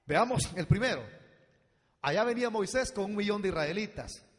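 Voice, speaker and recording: High, lively-voiced preacher in a big hall. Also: male voice, normal speed. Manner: animated preaching, swings from low asides to loud shouts; addresses the congregation directly as brother and daughter. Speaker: pastor. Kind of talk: sermon. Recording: long hall reverb.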